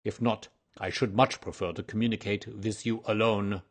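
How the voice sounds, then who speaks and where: A proud foreign nobleman from a storybook, acted out by a man. He speaks with pompous formality and heavy emphasis, in a rough-edged, husky male voice that carries agitated self-importance. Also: lowish voice, steady tone, normal speed. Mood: haughty. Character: proud, agitated, aristocratic Bohemian king in disguise.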